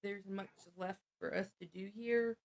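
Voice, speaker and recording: A woman's voice: mid-range voice, fairly even intonation, measured pace, poor audio. A woman playing a tabletop game in casual talk, thinking aloud with hesitations. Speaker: player.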